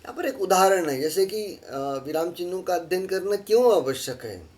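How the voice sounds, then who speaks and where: Higher-pitched man teaching a slide lesson. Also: lively intonation, darkish tone. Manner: explains patiently, repeats key phrases, pauses with fillers. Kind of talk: classroom lesson over slides.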